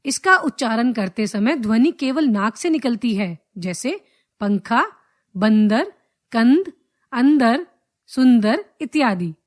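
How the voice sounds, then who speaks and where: Woman teacher, high voice, unhurried, careful delivery of a scripted lesson. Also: animated. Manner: measured, drawn-out reading of letters and examples. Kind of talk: slow scripted grammar lesson.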